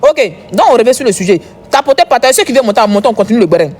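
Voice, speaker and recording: A woman's voice: on the high side, expressive, racing, a little mellow. A woman doing casual live commentary as a gossip streamer, chatty and repetitive, talking straight to her viewers.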